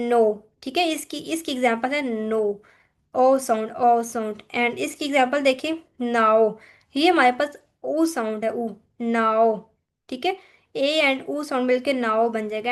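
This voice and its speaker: A woman with a Pakistani accent teaching a phonetics lesson, walking through slides, often pausing to check and drawing out examples slowly. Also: sits high. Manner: mixes Hindi-Urdu with English terms, repeats "ठीक है", slows to spell out examples. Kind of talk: lecture explaining slides.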